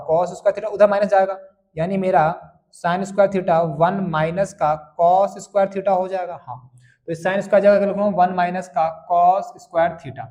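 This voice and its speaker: A man's voice: sits high, darkish tone. A man teaching a board-exam maths lesson who keeps asking questions and answering them himself. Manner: asks and answers his own questions, calling students bhaiya and beta.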